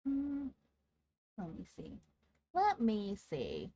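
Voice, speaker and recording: A woman livestreamer chatting casually with her audience in a cute, playful, excitable anime-streamer manner. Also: on the high side, very slow. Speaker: livestreamer talking to chat.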